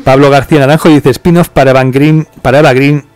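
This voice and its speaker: Chatty podcast host, dry mic. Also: male voice, medium pitch, quick pace, clean tone, dry recording, faint music behind. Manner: relaxed, chatty, laughs and swears now and then. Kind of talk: casual film review chat, reading listener comments.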